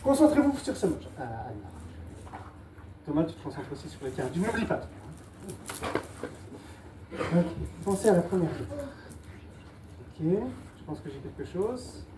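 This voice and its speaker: A woman mentalist works a live crowd, coaxing volunteers through a mind-reading trick with playful, patient repetition. Her voice sits at a middling pitch and comes from a distance. The room is roomy and echoing, with a steady live-venue noise underneath. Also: moderate pace, pauses often. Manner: playful, repeats instructions patiently. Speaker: stage mentalist. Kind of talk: live stage show with audience volunteers. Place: live show venue with audience. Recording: echoey, distant mic, noisy live room.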